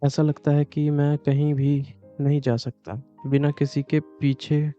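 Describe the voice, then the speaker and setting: A man voicing a scorned young male mage professor's inner thoughts in a flat, even read. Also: on the high side, a little slow, close to an everyday voice. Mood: wry inner thoughts. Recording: dull lo-fi with music behind.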